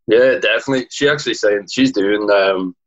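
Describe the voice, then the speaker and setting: A man's voice: fairly low pitch, a little fast, dull audio. A man in his twenties with a Donegal Irish accent, chatting casually and colloquially as a guest, peppering his sentences with "like". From Donegal, north-west Ireland. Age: 20s. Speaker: podcast guest, amateur Gaelic footballer. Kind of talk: casual chat.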